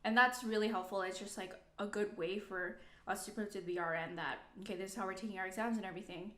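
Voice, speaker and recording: A woman's voice: medium pitch, fairly even intonation, quick pace, fairly bright tone. A woman in her twenties chatting informally to camera as a student vlogger, rambling and peppering her talk with "like". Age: 20s. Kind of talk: casual chatty vlog to camera. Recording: echoey room.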